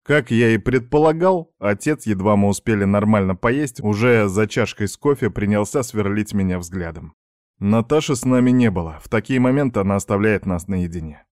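Guy narrating an audiobook, lowish voice, dry close sound. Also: expressive, normal speed, darkish tone, dry recording. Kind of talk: first-person audiobook narration.

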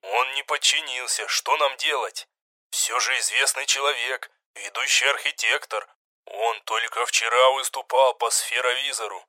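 A narrator voicing a soldier quietly reporting over a radio channel, hesitant about his order. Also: mid-range voice, normal speed, no echo. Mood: hushed. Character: tense male special forces soldier on a radio.

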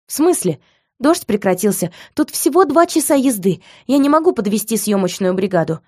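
A woman reading an audiobook, voicing a defiant young woman who talks in a sharp, high, mocking way. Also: very animated, moderate pace.

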